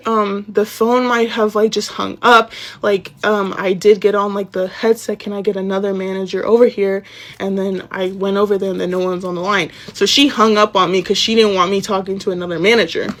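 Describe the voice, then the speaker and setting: A young adult woman telling a storytime in a heated, casual way, swearing often and saying "like" constantly. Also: mid-range voice. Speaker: storytime creator.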